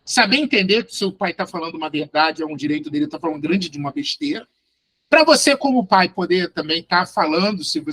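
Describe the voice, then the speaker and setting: A man's voice: on the high side, fairly bright tone, a little hiss or hum. A man with a Brazilian Portuguese accent, a psychologist giving a live online lecture, emphatic and addressing his listeners directly. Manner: emphatic, addresses listeners directly, tags sentences with a questioning "right?". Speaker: psychologist teaching a class.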